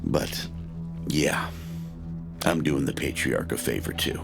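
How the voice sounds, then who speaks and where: An actor playing a gruff, older retired male war hero who recruits soldiers, speaking in a dry, understated way. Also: lively intonation, slow, heavily acted. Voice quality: deep gravelly voice. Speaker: recruiting sergeant. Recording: game audio over loud music.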